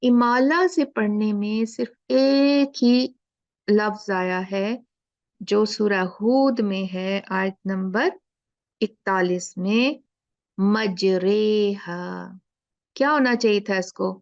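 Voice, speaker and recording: A woman teaches Quran recitation in an unhurried, deliberate way, stretching each sound she demonstrates. Her voice carries a gravelly edge. The recording is dry and a little dull. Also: medium pitch, no room sound. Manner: slow, drawn-out demonstration of letter sounds. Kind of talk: explaining a lesson.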